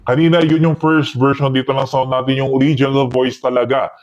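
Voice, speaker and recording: A man talking casually through a deep pitch-shifted voice changer while reviewing a gadget. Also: level tone, fairly quick, highs cut off. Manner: casual product demo talk.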